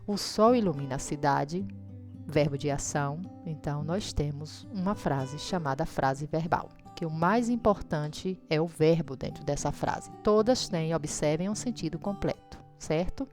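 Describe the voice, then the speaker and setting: A woman's voice: low-pitched, unhurried, darkish tone, faint music behind. A Brazilian woman teacher giving a recorded grammar lesson, explaining and checking in with her students through frequent tag questions. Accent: Brazilian Portuguese.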